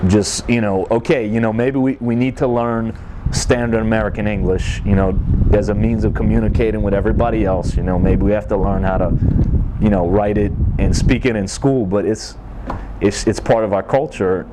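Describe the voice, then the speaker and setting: A man's voice: lowish voice, steady tone, normal speed. A man with a Cajun accent talking casually in an interview, hesitating and repeating himself as he explains or tells stories. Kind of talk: casual interview and joke telling. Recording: noisy outdoors with traffic.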